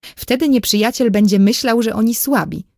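A woman narrating a children's story as an audiobook in a clear, measured storytelling manner. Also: fairly high pitch, darkish tone, no echo, clean studio sound.

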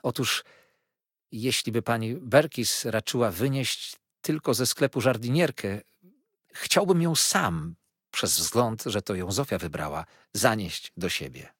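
A man reading an audiobook voices a shy, grateful young man who speaks slowly and hesitantly. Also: fairly low pitch, lively intonation, a bit bright, husky, no room sound, clean studio sound, full character voice. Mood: timid, grateful.

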